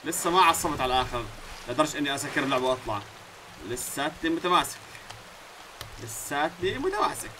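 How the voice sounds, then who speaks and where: A man with a Levantine Arabic accent giving let's-play commentary as a gaming YouTuber, talking to himself and the game and swinging between low muttering and sudden yells. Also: noisy background.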